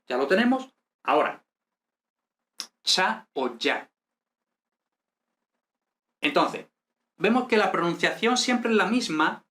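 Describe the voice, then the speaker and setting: A man with a somewhat high-pitched voice walks through a grammar lesson. He explains patiently and methodically, pausing often to check that his viewers follow. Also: fairly bright tone. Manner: patient, repeats "¿vale?" to check understanding. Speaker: language teacher. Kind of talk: explaining grammar in a video class.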